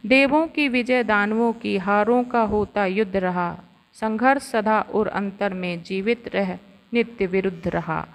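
A woman giving a slow, measured, expressive recitation of classical poetry, after a short formal greeting. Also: mid-range voice. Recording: long reverb with faint ambient noise.

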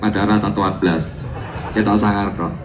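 A man's voice: fairly low pitch, fairly even intonation, brisk, background noise. A man, a guitarist doing rambling, self-mocking stage banter between songs while he has a cold. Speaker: guitarist performing live. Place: live concert venue. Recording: roomy, distant live recording.

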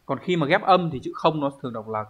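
Man explaining slowly, thinking aloud. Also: fairly high pitch, animated, husky. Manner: thinks aloud, slow explanatory delivery with pauses. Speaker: Japanese teacher. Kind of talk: online language lesson.

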